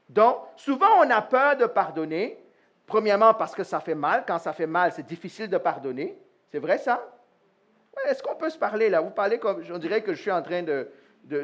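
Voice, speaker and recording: Male pastor preaching, high voice, really animated, keeps asking the crowd questions. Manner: animated, asks the congregation questions; acts out little dialogues in voices. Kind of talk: sermon. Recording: live church sermon.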